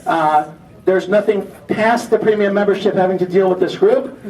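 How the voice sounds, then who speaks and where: High-pitched wisecracking man in an echoey hall. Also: moderate pace, darkish tone. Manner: wisecracking, teasing, off-the-cuff. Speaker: auctioneer and event emcee. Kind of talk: joking opening monologue to a gathering. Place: large room at an event, audience behind. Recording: echoey hall, distant mic, audience noise.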